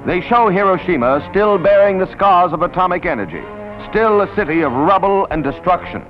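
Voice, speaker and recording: A man with an American accent announces a 1940s newsreel. His voice sits a little high and his scripted reading is dramatic. The vintage recording is muffled, with clear music behind the words. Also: animated, fairly quick. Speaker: newsreel narrator. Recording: dull lo-fi 1940s newsreel soundtrack.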